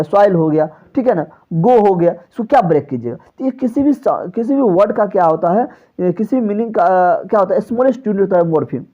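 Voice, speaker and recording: A male teacher giving an exam-prep lecture, who keeps asking his own questions and answering them and lets his voice drop at the end of phrases. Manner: drops pitch on closing phrases. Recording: slightly dull, lo-fi recording.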